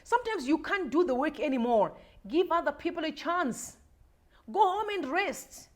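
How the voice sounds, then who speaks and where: A woman in her forties from Zimbabwe gives heated, preachy political commentary on her livestream. Her voice sits high and swings widely in pitch as she repeats her points and talks straight to the viewers. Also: expressive, normal speed. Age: 40s. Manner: emotional, repetitive, preachy, addresses viewers directly. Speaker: livestream host.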